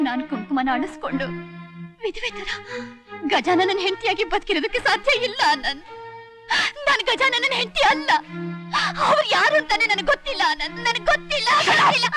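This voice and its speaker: An actress playing a young wife who is wrongly accused, pleading and emotional in a melodramatic film scene. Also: female voice. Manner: pleading, tearful, high-strung. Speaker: film character. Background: film score music.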